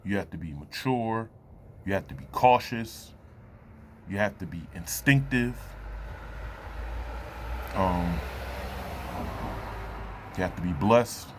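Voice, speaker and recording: A man in his late thirties giving a reflective personal talk to camera, loose and halting, with many fillers and pauses. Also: low-pitched, a little hiss or hum. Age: 30s. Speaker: vlogger.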